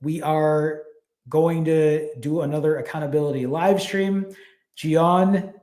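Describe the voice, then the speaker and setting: A man's voice: fairly high pitch, fairly even intonation, takes it slowly, darkish tone. A man, casually hosting a live stream, reading viewer comments and thanking people by name, a little out of breath. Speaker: fasting channel host.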